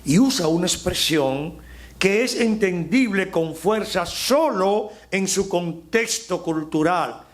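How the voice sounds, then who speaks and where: A middle-aged Dominican man preaching a sermon as pastor, slowing down and rising on key phrases for emphasis. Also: high voice, animated. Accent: Dominican Spanish. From Dominican Republic.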